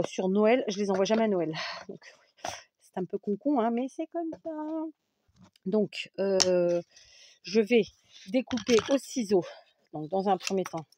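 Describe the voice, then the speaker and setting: A woman's voice: medium pitch, dark tone. A woman hosting a casual scrapbooking tutorial, chatty and full of fillers, correcting herself as she works at a craft table.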